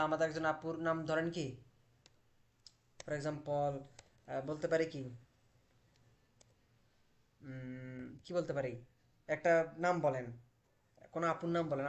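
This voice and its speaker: Man drilling verbs in a live class. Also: fairly high pitch. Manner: explains slowly, drills verb forms aloud with rhetorical questions. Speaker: language teacher. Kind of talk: online language class.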